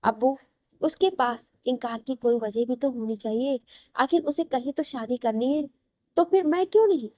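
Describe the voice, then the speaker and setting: A woman's voice: high-pitched, moderate pace, darkish tone, no room sound, clean studio sound, lightly acted. A woman voicing a defiant young son. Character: young man, defiant and reasoning with parents. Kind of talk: audio story reading.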